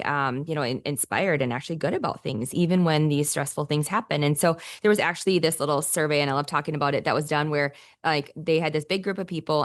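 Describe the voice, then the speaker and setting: Low-voiced upbeat woman co-host. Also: no room sound, clean studio sound. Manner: upbeat, rambling, many fillers and restarts. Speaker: podcast co-host, counselor. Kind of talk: casual podcast chat.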